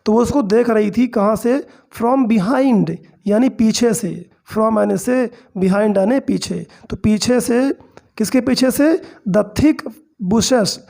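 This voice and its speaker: Guy teaching english in hindi, gravelly low tone, slow and careful. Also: a little mellow. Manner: reads English slowly, then explains in Hindi with frequent "theek hai". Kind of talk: line-by-line translation lesson.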